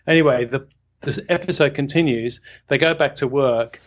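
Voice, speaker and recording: A man's voice: mid-range voice, normal speed, muffled recording. Rambling, anecdotal man co-host. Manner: rambling anecdotal storyteller, chuckles often. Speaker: podcast co-host. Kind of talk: casual craft discussion.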